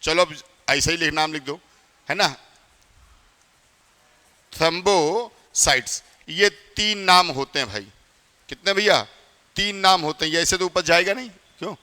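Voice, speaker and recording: High, bright-voiced Hindi teacher in a reverberant hall. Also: male voice, expressive, moderate pace. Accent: north Indian Hindi. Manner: chatty, quizzes students often. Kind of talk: classroom lecture. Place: classroom.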